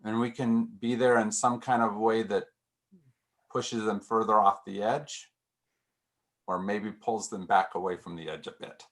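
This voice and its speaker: A man's voice: fairly low pitch, fairly even intonation, a little slow. Reflective man leading a discussion. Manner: reflective, many restarts and repeated words. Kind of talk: casual group discussion.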